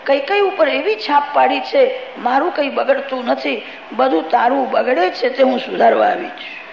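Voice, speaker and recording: Brief: male preacher doing a sly old maidservant, high gravelly tone, hall reverb. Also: expressive, moderate pace, highs cut off, a little hiss or hum, full character voice. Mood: sly lament. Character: scheming old maidservant woman, fake-weeping.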